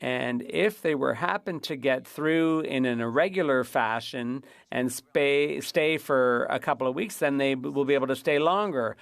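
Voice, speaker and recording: A man interpreting formal parliamentary debate live, in somewhat halting phrases. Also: medium pitch, gravelly, dry recording, studio quality.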